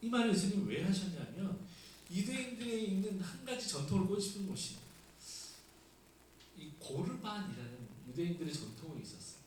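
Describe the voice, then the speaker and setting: Man, pastor, conversational sermon, rhetorical questions, slightly high voice, heavy room echo. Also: very animated, fairly quick, darkish tone. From South Korea. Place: church sanctuary. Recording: echoey room, mic at a distance, faint hiss.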